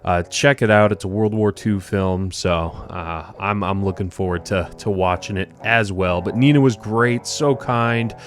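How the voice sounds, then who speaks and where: Halting podcast host. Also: male voice, sits low, soft background music. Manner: halting, many fillers and restarts. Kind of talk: casual interview chat. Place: home studio, Tampa.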